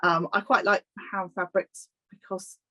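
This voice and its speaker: A woman in her thirties, a guest on a video-call interview, speaking in a relaxed, hesitant way with frequent ums and small laughs. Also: medium pitch, a little slow, rough recording. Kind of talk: casual interview chat.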